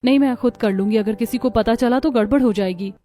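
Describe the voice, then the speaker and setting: A woman's voice: a little high, a little fast, dark tone, natural voice. A woman voicing a timid, hardworking young daughter-in-law in a cartoon story, speaking meekly and apologetically. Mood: anxious. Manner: meek, apologetic.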